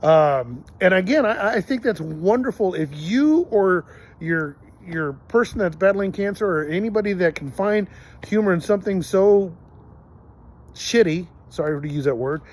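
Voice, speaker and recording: A man's voice: high-pitched, animated, normal speed, darkish tone. A middle-aged man hosting a podcast, telling personal stories in an earnest, rambling way with many fillers and restarts. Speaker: podcast host. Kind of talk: casual storytelling monologue.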